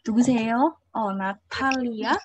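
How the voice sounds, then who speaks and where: A young woman teaching an online language class, her voice sitting fairly high. She walks through each point step by step and keeps checking whether the students follow. She reads example phrases aloud between her explanations. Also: steady tone, slow pace, noisy background.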